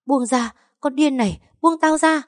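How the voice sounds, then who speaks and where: A woman's voice: deep voice, lively intonation, normal speed, warm tone, no room sound, studio quality. A woman voicing a spiteful, scheming young woman who taunts and sneers at her rival. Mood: shrill fury.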